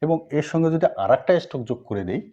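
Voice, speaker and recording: A man teaching a basic language class, drilling sounds slowly and patiently and speaking straight to his viewers. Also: fairly high pitch, expressive, warm tone, lo-fi sound. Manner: slow, repetitive drilling with pauses; patient, addresses viewers directly. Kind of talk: step-by-step language lesson.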